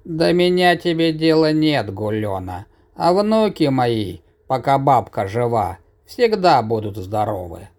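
A man's voice: sing-song, measured pace, few pauses, darkish tone. A man voicing a fussy old grandmother wolf spirit who grumbles and wails in a storybook. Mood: grumbling. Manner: grumbling, then shrill wailing.

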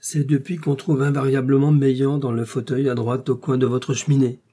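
A man's voice: medium pitch, level tone, normal speed, mellow, voice pushed up, lightly acted. A man voicing a proud defiant young wife. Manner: clipped, defiant.

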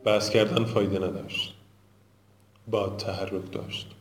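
A man narrating a scripted fantasy audiobook in a measured, dramatic way. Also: lowish voice, flat delivery. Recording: roomy with background music.

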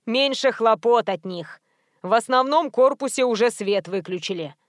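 A woman's voice: a little high, lively intonation, moderate pace, no echo, studio quality, natural voice. A woman reading an audiobook, voicing a stern, blunt middle-aged female guard. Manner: blunt, curt.

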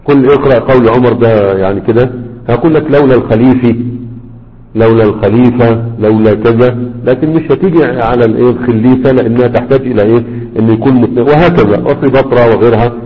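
Male grammar teacher, chatty classroom manner, long reverb, muffled lo-fi sound. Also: mid-range voice. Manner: conversational, repeats words slowly to model pronunciation. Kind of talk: classroom lesson with questions. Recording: dull lo-fi audio with long hall reverb.

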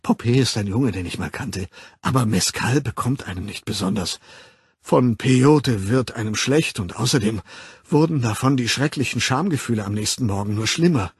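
A man reading an audiobook voices a distraught, tearful middle-aged woman who pleads, whines and breaks into husky whispers. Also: medium pitch, animated, normal speed, no echo, clean studio sound. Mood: pleading, tearful.

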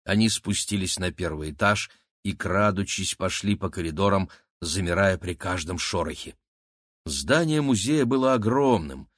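A man reading an adventure audiobook aloud in a steady, measured narrating style. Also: sits low, no room sound, studio quality. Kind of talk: scripted narration.

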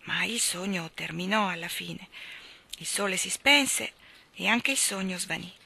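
A woman reading a children's story aloud in an expressive way, often dropping to soft, hushed tones. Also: on the low side, a little slow, creaky, husky. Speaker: reader. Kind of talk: audiobook storytelling.

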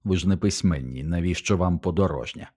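A man voicing a cold, haughty nobleman who speaks in a measured, contemptuous tone in an audiobook. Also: low-pitched, a little mellow, husky.

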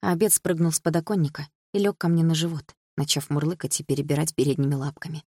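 A woman reading a first-person audiobook narration in an even, subdued manner. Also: low-pitched, fast talker, husky, dry recording, studio quality. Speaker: audiobook reader.

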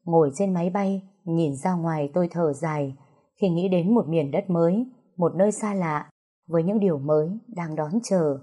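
A woman narrating a story in a calm, even reading manner. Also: fairly low pitch, normal speed, slightly rough.

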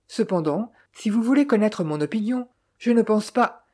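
A woman playing a hard-hearted rich man in an audiobook, curt and dismissive in every reply. The tone stays mellow. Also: medium pitch, expressive, normal speed, natural voice. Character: cold, curt millionaire man.

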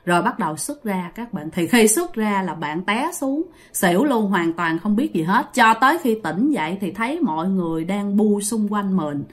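A woman's voice: mid-range voice, lively intonation, moderate pace, few pauses. A woman with a Southern Vietnamese accent telling a ghost story in a casual, chatty way, talking straight to her listeners. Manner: chatty, addresses listeners directly.

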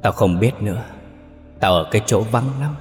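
A man voicing the gentle ghost of a murdered young woman in a spoken horror story, speaking faintly and mournfully. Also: on the low side, normal speed, long reverb tail, faint music behind, close to an everyday voice. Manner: faint, whispering sorrowfully.

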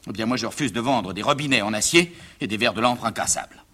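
A man's voice: on the low side, fast, bright, forceful tone. A man playing a defiant stagestruck young man. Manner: defiant and theatrical. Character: stagestruck, melodramatic young man in his twenties. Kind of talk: one-man reading of a stage comedy.

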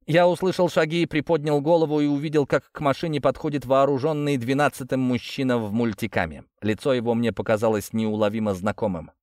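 A man reading a first-person audiobook in a steady, grim storytelling manner. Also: medium pitch, a little fast, few pauses, no echo, clean studio sound. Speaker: audiobook narrator.

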